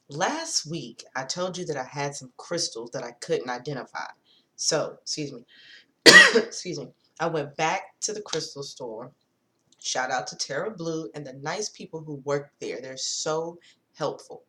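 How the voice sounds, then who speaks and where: Woman, low voice, relaxed chatty vlogger who swears offhand. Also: a little slow. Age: adult with a daughter. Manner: chatty, swears casually, addresses viewers as y'all. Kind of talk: casual chat to camera.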